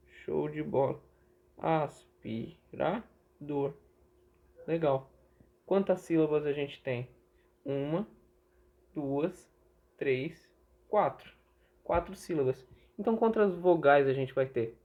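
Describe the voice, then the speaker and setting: A young Brazilian man giving a casual online lesson, chatty, asking and answering his own questions. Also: on the high side. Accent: Brazilian Portuguese. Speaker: teacher. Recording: tinny phone-like audio.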